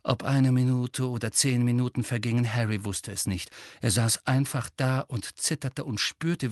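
A man reads a novel aloud in a measured, dramatic way, his voice at an everyday middle pitch. The recording is close and dry, with no room echo. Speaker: audiobook narrator. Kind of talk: scripted narration.

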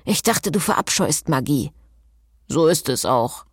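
A woman voicing an ancient, cold and commanding male vampire who speaks slowly and curtly in an audiobook. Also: low voice, expressive, breathy edge, no echo, clean studio sound, full character voice. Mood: aloof. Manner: slow, curt and commanding.

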